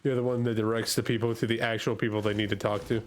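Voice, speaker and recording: A man's voice: on the low side, little pitch movement, fast. Man chatting casually, rambling. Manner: rambling, laughs often, swears casually. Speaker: streamer. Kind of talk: casual chat. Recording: faint background noise.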